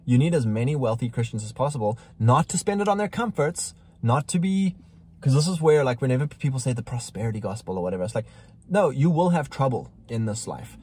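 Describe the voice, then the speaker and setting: A man talking in a casual conversation with a slightly husky voice at a middle pitch. He speaks emphatically and preaches, and he gets heated at times. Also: animated, a little fast, a little mellow.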